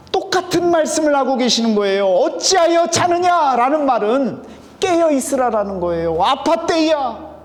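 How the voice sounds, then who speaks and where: A male pastor with a Chungcheong accent preaches a sermon, asking the congregation questions and answering them himself. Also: high voice. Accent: Chungcheong Korean. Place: church sanctuary. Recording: long hall reverb.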